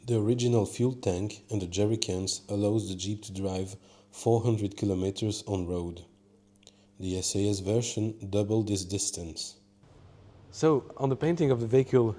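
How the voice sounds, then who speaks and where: Man, english speaker, slow talk, darkish tone, lots of pauses. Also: on the low side, mellow. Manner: halting, searching for words with many fillers. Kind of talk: explaining a vehicle exhibit.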